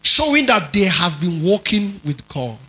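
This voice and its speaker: Male pastor for a sermon. Lifted high pitch, dramatic delivery that swings from soft asides to shouted lines, calls out questions to the room. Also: sing-song, unhurried, rough recording. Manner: dramatic preaching, shifts between soft asides and shouted emphasis; asks the congregation questions.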